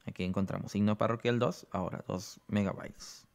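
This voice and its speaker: A man presenting an app tutorial, explaining each step slowly and checking in with the listener. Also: lowish voice, steady tone, creaky, a little mellow. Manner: explains slowly, often adds "¿no?".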